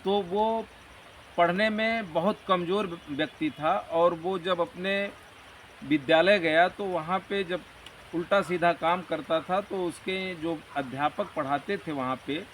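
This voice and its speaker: Man, higher-pitched, earnest motivational talker, recorded a bit off-mic with faint hiss. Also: unhurried, a bit bright. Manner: earnest, motivational, rambling explanations. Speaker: interview guest. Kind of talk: conversational interview. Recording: distant mic with faint background noise.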